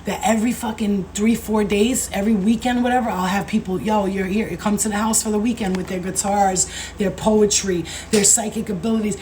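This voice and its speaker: A woman in her thirties hosting a casual livestream as a spiritual coach, talking in an animated, slangy way, swearing freely and calling viewers babe and baby. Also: medium pitch, a little fast, hardly any pauses, a little hiss or hum, poor audio. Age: 30s.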